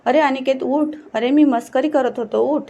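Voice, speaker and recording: A woman's voice: high-pitched, steady tone, normal speed, warm tone, dull audio. A woman voicing a carefree, mischievous young village man in a storybook reading, in a casual, teasing tone. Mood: urging.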